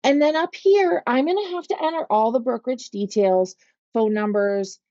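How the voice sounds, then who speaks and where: A Pittsburgh-accented woman leads a calm, step-by-step software walkthrough for agents, often pausing to ask "okay?" Her voice is mellow and dark. The recording is dry and a little dull, like a computer mic. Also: on the high side, no echo. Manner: patient, step-by-step, checks in with "okay?". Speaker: real estate trainer. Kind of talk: screen-share software walkthrough. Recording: slightly dull, lo-fi audio.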